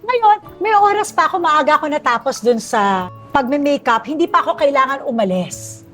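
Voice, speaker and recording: A woman's voice: high voice, lively intonation, moderate pace, fairly bright tone, faint music behind. A middle-aged Filipino woman telling a story as a guest in an interview, chatty, often asking "di ba?". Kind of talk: casual interview chat.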